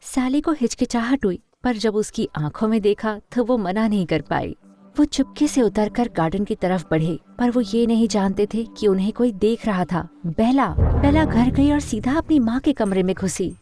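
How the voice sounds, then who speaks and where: A woman narrating an animated story in a steady, scripted storytelling manner. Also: fairly high pitch, normal speed.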